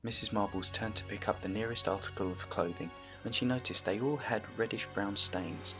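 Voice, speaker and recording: A man reading a story aloud as narrator in a steady, even manner, with faint music behind. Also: lowish voice, a little fast.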